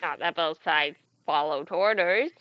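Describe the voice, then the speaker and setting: A woman's voice: sits low, unhurried, dry recording. A woman co-hosting a game playthrough with casual chat, recorded a little dully. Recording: slightly dull, lo-fi mic.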